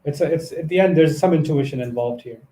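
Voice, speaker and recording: A man's voice: on the high side, quick pace, mellow, roomy sound, slight background noise, rough recording. A man talking through translation choices in a casual scholarly discussion, thoughtful and explanatory, often correcting himself mid-sentence.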